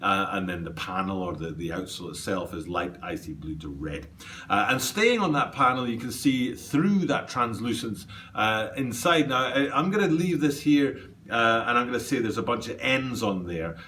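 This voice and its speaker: A man's voice: medium pitch, expressive, normal speed, bright, forceful tone, recorded from a distance, slight background noise. A man giving a casual, enthusiastic sneaker review indoors, rambling with lots of fillers and restarts. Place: indoor room.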